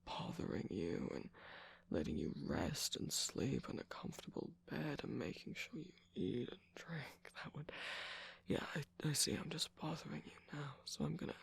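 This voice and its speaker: With feigned hurt and a coaxing mood, a performer voices a flirty, teasing male minion of a villain in romantic ASMR. The mid-range voice is husky and breathy, its coy, halting lines often sinking to whispers.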